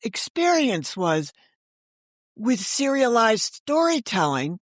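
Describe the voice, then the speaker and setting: A woman of about seventy, an author and audio drama creator, chats candidly as an interview guest, telling casual anecdotes and acting out what people said. Her voice sits on the high side with a sing-song lilt, and she takes her time. The recording is studio quality with no echo.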